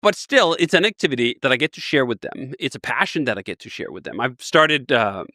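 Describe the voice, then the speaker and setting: A man's voice: medium pitch, sing-song, a little fast, pushed and bright, no room sound, clean studio sound. A man in his forties from Denmark, a guest telling stories with enthusiasm in a casual interview. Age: 40s. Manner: enthusiastic, rambling storyteller.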